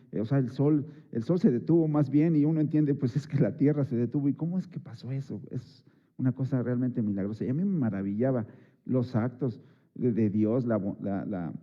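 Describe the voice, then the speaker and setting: A man's voice: medium pitch, lo-fi sound. A man preaching a Sunday sermon in a chatty way, with many fillers and rhetorical asides to the congregation. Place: church service.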